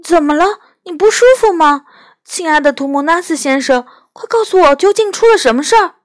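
A woman's voice: medium pitch, normal speed, smooth, no echo, clean studio sound, close to an everyday voice. A woman voicing a caring, anxious little girl who speaks eagerly and urgently in a storybook reading.

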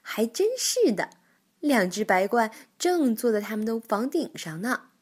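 A woman narrating a children's story in an expressive, gentle way. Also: fairly high pitch, unhurried, husky.

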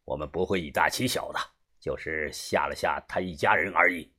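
A man voicing a sly, smug middle-aged fixer in an audiobook, speaking smoothly with a knowing edge. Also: rumbling low, fairly quick, pushed and bright, voice pushed down, full character voice. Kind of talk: audiobook character voice.

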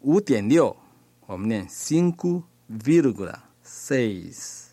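Male language tutor, middle pitch, very slow, deliberate delivery, dry booth sound. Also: big pitch swings, dark tone, dry recording. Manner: slow, deliberate, pronouncing each word carefully. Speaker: language teacher. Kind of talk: slow recorded language lesson.

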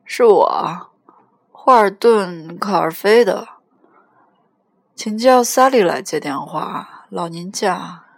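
A woman voicing a drunk teenage boy on the phone, slurred, loud and pleading. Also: medium pitch, slow pace, pauses often, dry recording.

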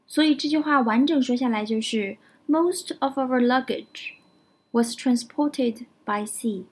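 A woman with a high, slightly mellow voice speaks at normal speed while giving an English vocabulary lesson. She explains words step by step, builds example sentences, and keeps checking in with "right?"

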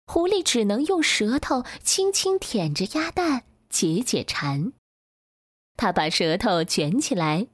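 A woman reading a children's bedtime story aloud in a slow, gentle storytelling manner. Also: medium pitch, dry recording, studio quality.

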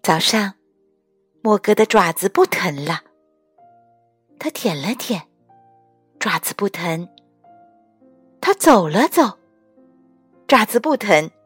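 A woman reading a children's picture book aloud, slow and expressive, acting out each character. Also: medium pitch, husky, no echo, faint music behind. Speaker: mother reading picture books to her child.

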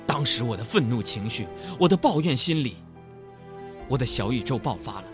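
Animated man doing stand-up. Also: medium pitch, moderate pace, over music. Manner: animated storyteller addressing the audience, mock-indignant. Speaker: comedian. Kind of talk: stand-up comedy monologue.

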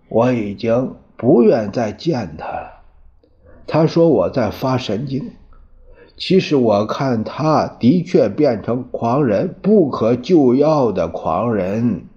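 A man's voice: medium pitch, mellow. A man voicing a bitter, despairing aging politician who speaks with weary self-pity. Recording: dull lo-fi audio.

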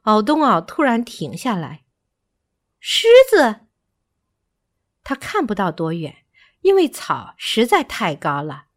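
Slow, expressive woman storyteller. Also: medium pitch. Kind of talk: children's storybook reading.

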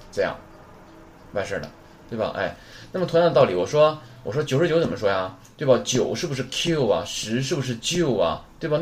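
Slight background noise accompanies a man with a mid-range voice leading a beginner Japanese class. His casual, chatty lesson involves drilling numbers aloud and posing rhetorical questions.

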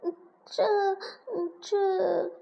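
A woman's voice: extremely high pitch, unhurried, dull audio, pitched above the performer's own voice. A woman voicing a spoiled, haughty little princess in a storybook, petulant and disdainful. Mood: eager.

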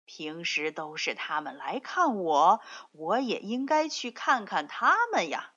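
Woman voicing a friendly male lion, courteous, storybook, slow, lively pitch, muffled recording. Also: breathy edge, heavily acted. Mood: musing. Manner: mild, courteous, puzzled. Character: friendly polite male lion, cheerful and gentle. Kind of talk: storybook reading. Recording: dull lo-fi recording.

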